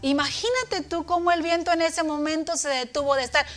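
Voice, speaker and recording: A woman teaching a children's church lesson, speaking tenderly to the kids and booming out dramatic commands in her story, with a Latin American Spanish accent. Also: steady tone, a little fast, faint music behind. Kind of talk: children's sermon.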